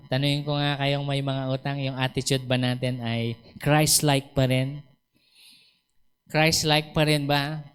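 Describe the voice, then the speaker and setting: Animated Filipino pastor preaching. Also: male voice, mid-range voice, smooth. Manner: animated, acts out quoted dialogue; chuckles between points. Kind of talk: sermon.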